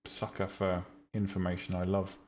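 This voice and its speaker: A little hiss or hum sits under this man's low, calm, relaxing voice as he talks at normal speed. Streaming live, he chats casually and bluntly about making 3D tutorials, with lots of ums and restarts, as someone who teaches 3D rendering and visual novel making.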